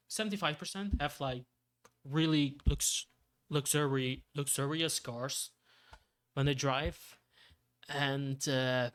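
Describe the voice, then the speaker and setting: Slow-talking Belgian man, rambling. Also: a little high, fairly bright tone. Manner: rambling, laughs often, repeats himself. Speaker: streamer. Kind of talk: casual chat.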